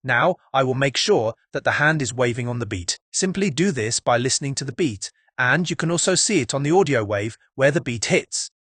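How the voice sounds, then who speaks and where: A man's voice: mid-range voice, lively intonation, fairly quick, hardly any pauses, fairly bright tone, slightly rough, no echo. A man hosting a casual, step-by-step video tutorial, upbeat and chatty with jokey asides to his viewers.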